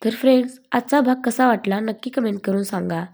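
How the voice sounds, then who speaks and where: A woman reading a family drama story aloud as the channel's storyteller, steady and expressive. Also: fairly high pitch, fairly quick. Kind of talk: scripted story narration.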